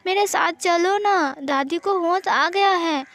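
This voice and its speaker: A woman's voice: extremely high pitch, a bit bright, voice pushed up, heavily acted. A woman doing a whiny childlike young man. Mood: pleading. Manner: whiny, pleading, drawn-out speech. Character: childlike clingy young man, tearful and sulky.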